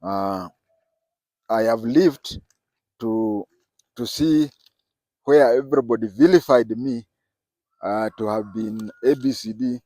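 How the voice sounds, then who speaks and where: A middle-aged man giving solo political commentary, speaking deliberately and repeating key points for emphasis. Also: mid-range voice, dark tone, dry recording.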